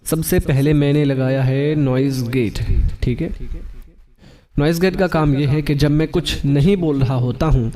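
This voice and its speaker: A man walks through an audio app's settings one step at a time, explaining each control plainly. He keeps checking in with the listener as he goes. His voice is mellow and warm, recorded on a phone mic. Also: mid-range voice. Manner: explanatory, repeats "theek hai" to check in. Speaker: audio tutorial host. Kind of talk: step-by-step software tutorial. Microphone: phone microphone.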